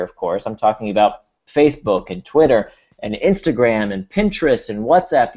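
Dull, lo-fi video call audio captures a man of medium pitch and slightly mellow tone leading a workshop. Israeli-born with an American accent, he explains things steadily and tends to restart with repeated words.

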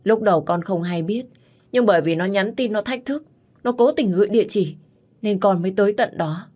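A woman's voice: on the low side, steady tone, moderate pace, darkish tone, breathy edge. A woman voicing a manipulative young woman who talks through tears and pleads. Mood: tearful pleading. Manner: tearful, pleading. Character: sobbing manipulative young woman, daughter-in-law hopeful.

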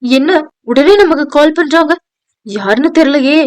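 A woman's voice: high-pitched, lively intonation, moderate pace, no echo, voice pushed up. A woman voicing a polite, anxious young working woman who speaks respectfully to her boss, in an audio novel. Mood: flustered. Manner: hesitant, respectful, addressing a superior. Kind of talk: audio novel dialogue reading.

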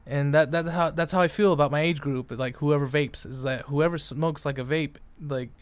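A man's voice: on the high side, steady tone, moderate pace, clear, resonant tone, no room sound. A young man in a casual, profane, rambling rant, exasperated and full of fillers and restarts. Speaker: vlogger.

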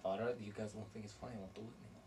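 A man's voice: on the low side, fairly even intonation, racing. A young man in a comedy sketch, mumbling and defensive. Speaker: friend being confronted. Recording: distant mic with faint hiss.

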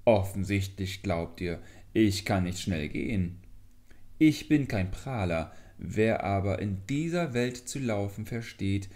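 A man voicing a small, clever male leech in a fairy tale who speaks calmly and lectures. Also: on the low side, takes it slowly. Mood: defiant. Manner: calm, lecturing, mildly scornful.

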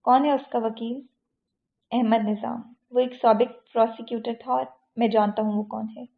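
A woman's voice: a little high, fairly even intonation, creaky. A woman voicing a powerful, angry middle-aged male tycoon who speaks in a commanding, stern way. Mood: cold. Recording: tinny phone-like audio.

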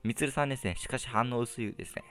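A man's voice: mid-range voice, very fast, a bit bright, soft background music, lightly acted. A man voicing a polite, friendly young girl ghost from a horror game's dialogue. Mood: polite, curious.

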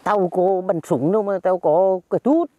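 A woman's voice: medium pitch, normal speed, muffled recording, heavy background noise, lightly acted. A woman playing a stingy, grumpy old village grandfather who scolds bluntly in a comedy skit. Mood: grumbling.

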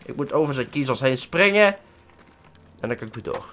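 A man with a Dutch accent doing excitable let's-play commentary, swearing and yelping at every mishap. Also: mid-range voice, a little fast. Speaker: gaming let's-play host.

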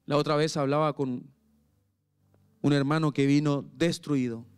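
A pastor with a Paraguayan Spanish accent preaching an impassioned sermon at a church service, swinging between quiet pleading and raised intensity. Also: male voice, a little high, fairly even intonation, unhurried, clear, resonant tone, faint music behind.

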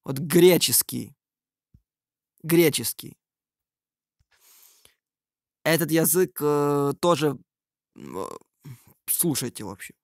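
A man's voice: on the high side, big pitch swings, takes it slowly, gravelly, long pauses, dry recording, clean studio sound. A man giving casual, improvised screen-recording commentary, hesitantly thinking aloud. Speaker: video creator.

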